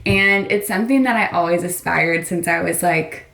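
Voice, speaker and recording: A woman's voice: on the low side, moderate pace, vocal fry, a bit bright. A woman in her twenties from Florida, chatting upbeat and encouraging in a casual vlog. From Florida, USA. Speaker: vlogger.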